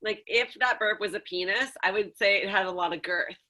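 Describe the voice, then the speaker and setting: A woman's voice: medium pitch, fairly quick, bright, forceful tone. A woman chatting casually as a contestant, jokey and a bit crude. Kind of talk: casual chat.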